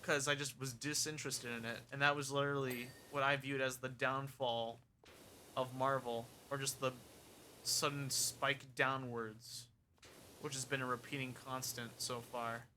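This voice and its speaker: A man's voice: mid-range voice, little pitch movement, a little slow, pushed and bright, a little hiss or hum. A young man streaming a game and chatting casually, rambling frankly through his opinions.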